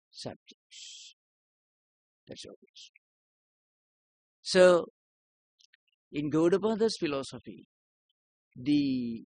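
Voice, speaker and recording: Slow, measured man giving a lecture. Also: mid-range voice, no room sound. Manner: measured, explanatory, poses rhetorical questions. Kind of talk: philosophy lecture.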